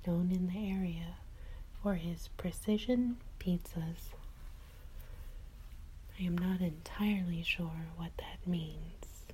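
A woman host whispering a calm, slow sleep story, close to the mic. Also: on the low side, a little hiss or hum, rough recording.

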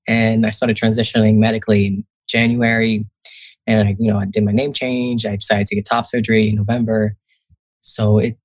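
The recording is low quality but has no echo, capturing a young New Jersey man with a fairly low pitch. He's a guest author in his young adult years, chatting casually in interview talk, heavy on fillers and acting out quotes.

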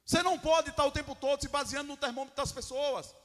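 A Brazilian pastor with a high male voice preaches to his congregation, pressing his points with loud calls and then dropping to near-hushed lines. His words ring out with a long reverb through the church hall. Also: steady tone, fast. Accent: Brazilian Portuguese. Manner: emphatic preaching, swinging between loud and hushed. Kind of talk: sermon.

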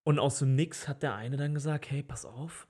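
On a casual podcast, a relaxed party organizer in his thirties talks about his early working life at a normal speed. His husky voice sits at an ordinary middle pitch, and his loose, easygoing talk is full of fillers and frequent laughter.

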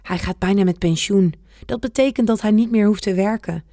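A woman voicing a calm, kindly grandmother who explains things gently, reading a children's storybook aloud. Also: mid-range voice, brisk, dry recording, studio quality, lightly acted. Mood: gentle.

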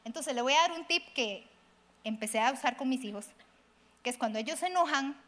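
A middle-aged woman pastor, preaching in an animated, conversational way, acting out quoted voices and addressing listeners directly. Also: high-pitched, fairly quick. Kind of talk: conversational sermon.

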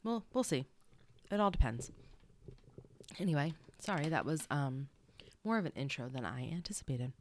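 A woman's voice: sits low, expressive, moderate pace, pauses often, darkish tone, a little hiss or hum. A young woman hosting a casual podcast, chatty and rambling with side stories, her nose stuffy. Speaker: podcast host. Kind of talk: casual solo podcast chat.

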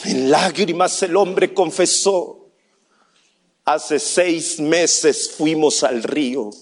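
A man preaching a sermon as a pastor, telling a story in a hushed voice and then shouting his appeals to the church. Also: fairly high pitch, extremely slow.

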